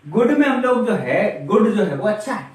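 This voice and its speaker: High-voiced man teaching in an echoey classroom. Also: very animated, normal speed, a little mellow. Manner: asks the class questions and answers them himself. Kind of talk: classroom grammar lesson. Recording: very echoey room, voice from a distance.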